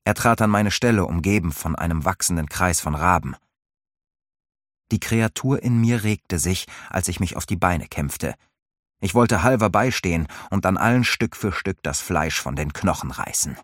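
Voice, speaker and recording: A man's voice: low-pitched, lively intonation, moderate pace, no room sound, studio quality. A man narrating a fantasy novel in the first person and giving voice to the characters' lines. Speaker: audiobook narrator.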